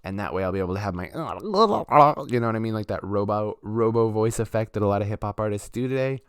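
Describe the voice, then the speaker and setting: A man's voice: fairly low pitch, flat delivery, fast talker, darkish tone, clean tone, no echo, studio quality. A man chatting casually on a live stream as a musician, talking loosely with lots of fillers. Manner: laid-back, rambling, chatty with fillers.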